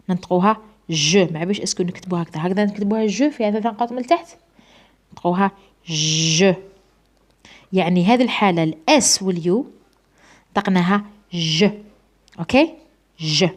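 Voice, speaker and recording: A woman's voice: medium pitch, a little mellow. Algerian woman teaching English sounds. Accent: Algerian Arabic. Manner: slow drawn-out model pronunciations, coaxing "listen to me". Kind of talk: classroom lesson explaining sounds.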